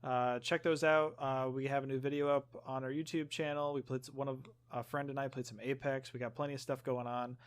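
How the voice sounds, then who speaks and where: Young male podcast host, relaxed and chatty, mid-pitched, laughs easily. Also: brisk, few pauses, smooth. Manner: easygoing, laughs often. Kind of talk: casual gaming podcast chat.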